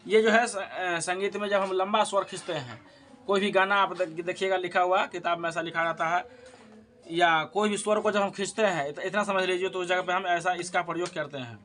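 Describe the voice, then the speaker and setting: Bright-voiced man teaching a music lesson. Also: high-pitched, steady tone. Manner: repeats key points as questions and answers them; sings note names slowly while explaining. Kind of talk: spoken harmonium lesson.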